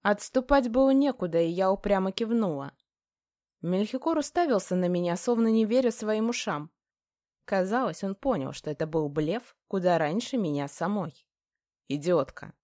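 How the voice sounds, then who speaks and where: A woman's voice: mid-range voice, lively intonation, normal speed, warm tone, dry recording, studio quality. Woman reading a novel in first person. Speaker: audiobook narrator.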